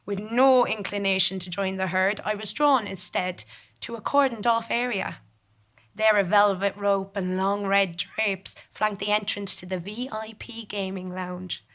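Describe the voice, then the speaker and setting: On a theatre stage, a woman monologue performer narrates a first-person story with deliberate, formal, dramatic delivery. Her voice is bright and forceful, average in pitch, with fairly even intonation.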